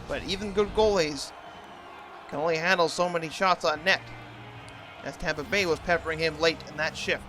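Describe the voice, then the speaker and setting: A man doing hockey play-by-play commentary in an imitation of a TV sports announcer. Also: fairly high pitch.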